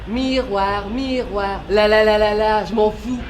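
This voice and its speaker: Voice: medium pitch, steady tone, takes it slowly, lightly acted. An actor playing a jeering, childish rival in a comedy short, recorded with roomy echo and faint vehicle noise. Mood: mocking. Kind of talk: comedy short film acting.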